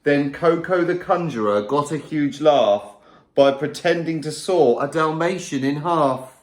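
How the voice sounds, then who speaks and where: Playful teacher reading a rhyming story. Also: male voice, fairly high pitch, unhurried, roomy sound. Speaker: primary school teacher. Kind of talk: reading a rhyming picture book aloud to children.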